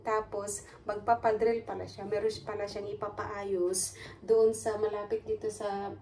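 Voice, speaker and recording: A woman's voice: medium pitch, little pitch movement, normal speed, dark tone. A woman from the Philippines, chatting casually to viewers at home and retelling a neighbor encounter with quoted dialogue. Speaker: vlogger. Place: home in Sweden, kitchen. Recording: distant home mic, faint ambient noise.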